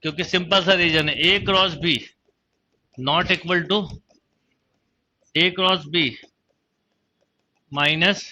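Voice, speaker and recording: A man's voice: fairly high pitch, fairly even intonation, slow pace, pauses often, sharp tone. A man teaching a math lesson online, explaining step by step and quizzing his students as he goes. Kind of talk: online exam-prep lecture.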